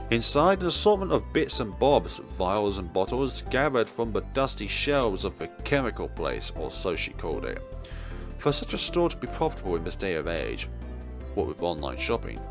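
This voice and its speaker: A young let's player with a fairly low voice reads a visual novel aloud over game music. His narration is theatrical and expressive, with wide pitch swings and playful asides.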